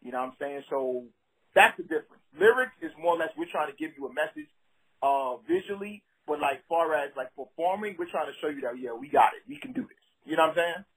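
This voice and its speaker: A man with a Brooklyn accent and a husky voice, a rapper talking casually in an interview in slangy, streetwise, emphatic phrases. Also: a little high, expressive, fast talker, fairly bright tone, low-quality recording. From Brooklyn, New York City.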